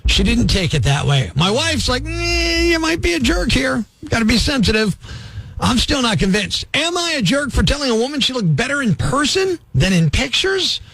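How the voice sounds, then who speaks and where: A man's voice: very high voice, sing-song, normal speed, gravelly, a bit bright, no echo. A man in his fifties hosting a radio call-in segment, joking and laughing often. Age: 50s. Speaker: radio host. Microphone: studio microphone.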